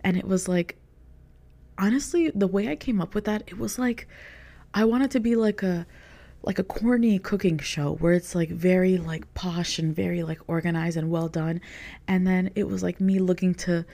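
Young woman creator rambling on her podcast, says like a lot, kinda low mellow voice, bit of vocal fry. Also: steady tone, moderate pace. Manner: rambling, heavy use of "like" as filler. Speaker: content creator. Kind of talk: casual podcast monologue.

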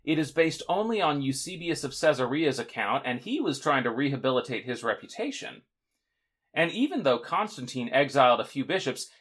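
A man's voice: mid-range voice, fairly bright tone, husky. A man hosting a podcast, telling church history in a scripted, wry and sarcastic way. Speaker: podcast host.

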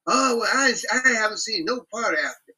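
A man hosting a casual group talk, speaking bluntly and profanely in an animated rant. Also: sits high, a little fast, breathy edge, poor audio.

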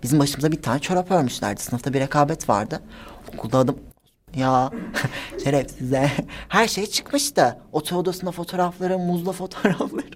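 A nineteen-year-old man telling stories as a guest in a casual interview, animated and giggly, acting out the people he quotes. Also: fairly high pitch, moderate pace, slight background noise. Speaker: guest, social media personality.

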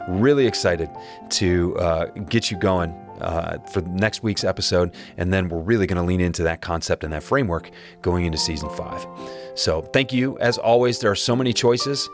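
A man hosting his podcast alone, speaking in an earnest, encouraging way with a raspy voice today. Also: sits low, normal speed, over music. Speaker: podcast host. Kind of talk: solo podcast monologue.

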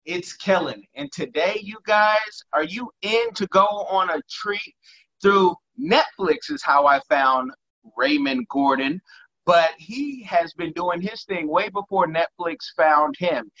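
A man with a high, slightly bright voice hosts a casual interview from his home kitchen, speaking slowly but with animation. He rambles eagerly and repeats words, and the audio sounds dull.

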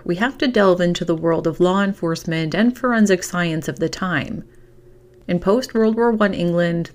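A woman hosting a podcast, reading a scripted true crime story with measured, dramatic storytelling phrasing. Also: medium pitch. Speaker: podcast host.

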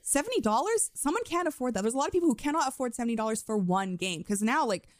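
Canadian woman co-host, slightly high voice, lively and opinionated, dry sound. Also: fast, dry recording. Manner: animated and opinionated, laughs easily. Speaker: podcast co-host. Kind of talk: casual chat.

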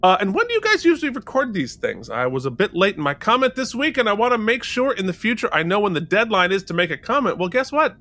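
A man's voice: sits high, quick pace, hardly any pauses. A man co-hosting a casual podcast review, reading listener comments and joking around with frequent laughter. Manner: animated and jokey, laughing often. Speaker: podcast co-host. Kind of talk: casual chat.

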